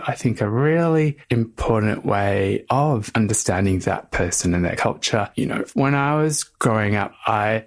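A man thoughtfully explaining an idea with personal examples and the occasional restart. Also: on the low side. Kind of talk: reflective explanation.

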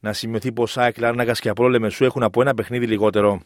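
A man's voice: medium pitch, fairly even intonation, dry recording, clean studio sound. A man reading a scripted sports results bulletin as a news presenter.

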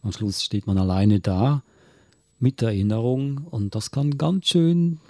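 A man from Switzerland with a Swiss German accent, reading poems aloud and chatting in a gentle, reflective way. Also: mid-range voice, measured pace, dry recording, clean studio sound. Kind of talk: casual conversation and poem reading.

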